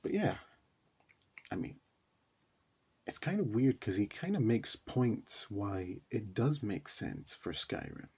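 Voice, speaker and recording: A man's voice: fairly low pitch, very animated, slow pace, gravelly, long pauses, darkish tone, breathy edge. A man hosting a reaction video, talking casually and rambling with many fillers. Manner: rambling, says you know a lot.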